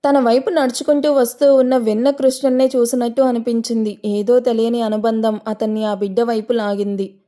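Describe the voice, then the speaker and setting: A woman narrating an audio story in a gentle, expressive way, her voice strained from long recording. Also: fairly high pitch, fairly quick.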